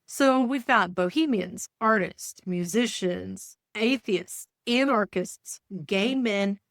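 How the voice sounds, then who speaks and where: A woman tells a story on her own podcast in a chatty, informal way. She stumbles over tricky words and corrects herself, and her voice sits in a middle pitch. The recording is dry and close. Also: slow, dry recording. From Kansas, US. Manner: chatty, self-correcting, reads quotes aloud. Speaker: podcast host.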